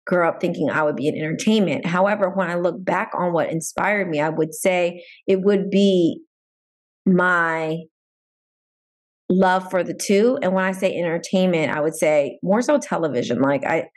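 A woman in her forties, a lawyer talking through her background in a relaxed, thoughtful way with many pauses. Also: on the low side. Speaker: guest, entertainment lawyer. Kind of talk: casual interview talk.

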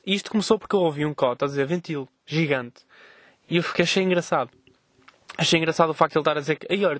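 A young man tells stories at a rapid clip, in a voice a little higher than most men's. He swears freely and jumps in and out of quick voices for the people in his stories. The sound is dry and close, with no room around it. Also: no echo. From Vila Nova de Gaia, Portugal. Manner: animated, profane, acts out dialogue in quick voices. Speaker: podcast host. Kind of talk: casual storytelling vlog. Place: outdoors on a street.

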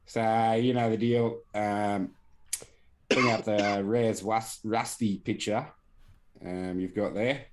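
A man's voice: on the low side, steady tone, slow, slight background noise. A man hosting a podcast in casual chat, swearing and laughing through banter. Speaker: podcast host.

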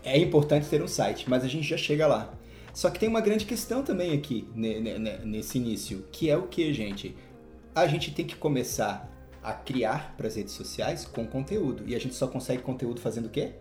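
A man hosts a relaxed podcast and walks through ideas in an upbeat, explanatory way, slowing down to stress his key words. His voice sits at a middling pitch. The recording is roomy and echoey, with faint music behind him. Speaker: podcast host. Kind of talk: casual podcast chat. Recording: roomy echo.

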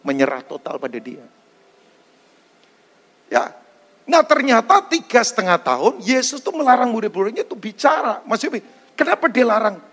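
A man preaching a sermon as pastor, animated, putting questions to the congregation and mixing in English phrases. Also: high voice, in a large hall.

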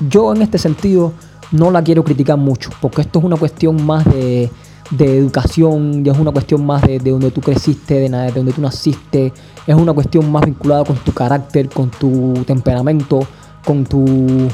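A man hosting a podcast, giving measured, analytical commentary and often checking in with the listener. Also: fairly high pitch, steady tone, music in the background. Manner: measured, analytical, often asks "you know?". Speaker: podcast host. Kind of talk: opinion commentary.

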